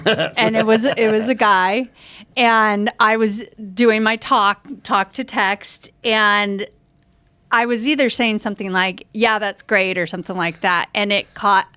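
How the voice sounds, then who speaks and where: A woman's voice: medium pitch, fairly even intonation, pushed and bright, clean tone, no room sound. Chatty woman podcast host, dry sound. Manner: chatty, quick interjections and reactions. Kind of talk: casual chat.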